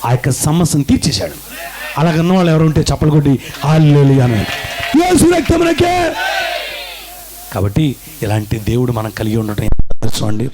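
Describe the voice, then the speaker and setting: A man's voice: medium pitch, steady tone, quick pace, crowd noise, noisy background. A male pastor preaching a fervent sermon, calling out to his congregation and acting out the words of the people in his stories.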